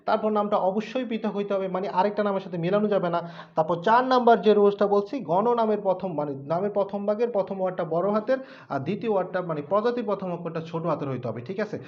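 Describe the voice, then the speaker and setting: A man teaches an online school lesson at a quick clip, walking through each point step by step and often checking that his students follow. The recording is dull and lo-fi. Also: high-pitched. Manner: explains step by step, keeps checking understanding. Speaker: biology tutor.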